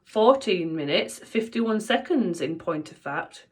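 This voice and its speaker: A woman's voice: fairly low pitch, expressive, a little slow, breathy edge. A woman voicing a cruel, gloating female schoolteacher in a children's storybook reading, snapping and relishing her words. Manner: sharp, snapping, relishing each word.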